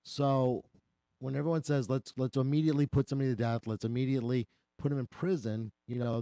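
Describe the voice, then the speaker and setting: Brief: man, lawyer guest on talk radio, earnest and explanatory, slight cold in the voice, warm tone, dry studio sound. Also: medium pitch, no room sound. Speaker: attorney guest.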